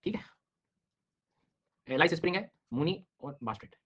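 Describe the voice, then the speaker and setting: A man's voice: fairly high pitch, animated, moderate pace, a bit bright, husky. A middle-aged male teacher giving an online exam-prep lecture, teasing his students with jokes while drilling names over and over. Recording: dull lo-fi online class audio.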